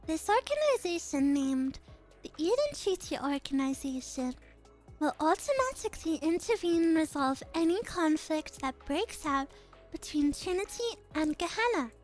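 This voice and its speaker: A woman voicing a refined, grave schoolgirl leader in a game story, formal and measured. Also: extremely high pitch, sing-song, faint music behind, pitched below the performer's own voice, rough recording. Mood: grave, explaining. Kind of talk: visual novel game dialogue read aloud.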